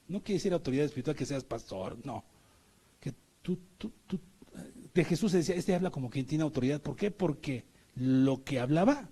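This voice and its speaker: A man's voice: mid-range voice, dark tone. A middle-aged man with a Mexican Spanish accent preaching a sermon, emphatic, often asking the congregation rhetorical questions.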